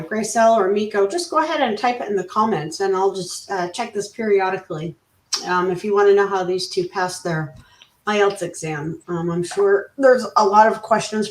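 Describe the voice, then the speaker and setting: A cheerful woman interviewer talks with guests in a relaxed, chatty way, full of fillers and quick laughs. She sounds set back from the microphone in an echoey room. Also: medium pitch. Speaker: interviewer host. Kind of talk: upbeat live interview. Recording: roomy, distant mic.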